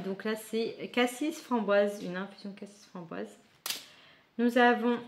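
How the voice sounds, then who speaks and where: A woman's voice: a little high, slight background noise. Chatty woman unboxing books. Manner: chatty, thinks aloud, frequent asides. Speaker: book vlogger. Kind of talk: casual unboxing chat.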